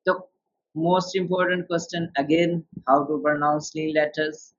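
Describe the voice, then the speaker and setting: A man's voice: on the high side, little pitch movement, measured pace. A man teaching beginner Quran tajweed, explaining rules step by step and quizzing his student with questions. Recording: dull lo-fi sound.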